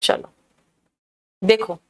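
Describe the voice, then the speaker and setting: A woman teaching an online grammar lesson, patiently drawing out her examples and calling her students "beta". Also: a bit bright. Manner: patient, drawn-out explaining, calls students "beta".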